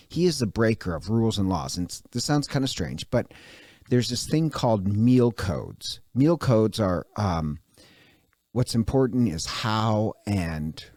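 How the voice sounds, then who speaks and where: A man speaking as a priest, introducing his parish class in a loose, conversational way. His voice is low-pitched yet lively and swooping. The sound is dry and close. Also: dry recording. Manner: animated, conversational, with restarts and fillers.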